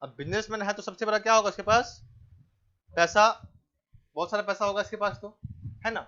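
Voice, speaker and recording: A male teacher lectures a class, posing questions and answering them himself while repeating key names. His voice sits high and steady, moving a little fast on a muffled recording, and he tells the students to keep quiet and pay attention.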